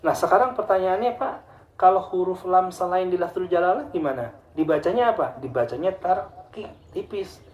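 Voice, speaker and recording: Patient Indonesian teacher in an echoey room. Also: male voice, sits high, animated, darkish tone. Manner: patient, repeats and chants Quranic examples slowly. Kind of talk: tajwid lesson for students.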